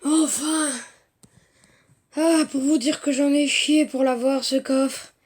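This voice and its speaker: A woman giving casual commentary on her own mobile game, excitable and jumping between muttered asides and loud outbursts of playful trash talk, recorded on a phone mic. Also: sits high, slow. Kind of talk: casual live gameplay commentary. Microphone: phone mic via screen recorder.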